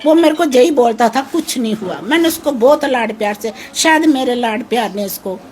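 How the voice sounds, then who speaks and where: A woman's voice: fairly high pitch, lively intonation, normal speed, soft background music. Distressed older woman, harsh voice. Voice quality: harsh-sounding voice. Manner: anxious, pleading, repeats herself. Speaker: mother of a missing man. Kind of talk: emotional interview.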